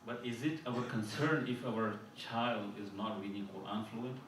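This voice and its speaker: Far from the mic in a very echoey mosque hall, a fairly low-pitched man with a fairly bright tone gives a sermon at an Islamic conference. He speaks earnestly, repeating and restarting phrases and reciting Arabic verses quickly, over a little hiss or hum.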